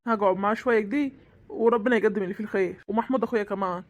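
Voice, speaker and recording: A woman's voice: mid-range voice, racing, natural voice. Woman voicing a concerned middle-aged village husband. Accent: Upper Egyptian. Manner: concerned, reassuring.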